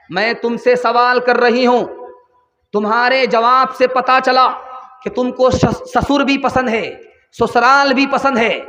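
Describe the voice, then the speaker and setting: A man preaching an impassioned sermon at a religious gathering, his voice rising to shouts at its peaks. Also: very high-pitched. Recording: dull reverberant public-address recording.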